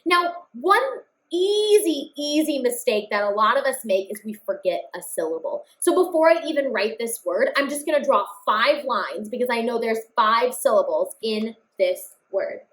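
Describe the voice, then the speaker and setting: Woman, cheerful phonics teacher, slightly high voice, slow drawn-out words. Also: poor audio. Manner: upbeat, addresses kids as friends, slow drawn-out words. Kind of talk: phonics lesson for children.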